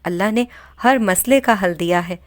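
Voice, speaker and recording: A loving elderly mother comforts her daughter in soft, reassuring words, as a woman reads her part. The storybook reading sounds dry and close. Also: medium pitch, no echo, natural voice. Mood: soothing. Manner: soothing, affectionate.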